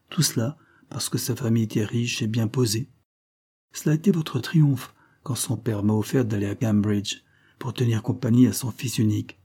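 A man's voice: mid-range voice, mellow, slightly rough, voice pushed up, natural voice. A man voicing a wounded, ambitious young man in a storybook reading, heated and reproachful.

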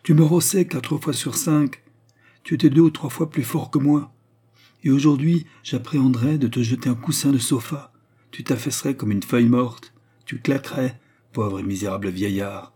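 A man's voice: medium pitch, normal speed, breathy edge, voice pushed up. A man voicing a domineering older man who berates and threatens his brother, in a storybook reading. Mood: mocking. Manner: threatening, forceful.

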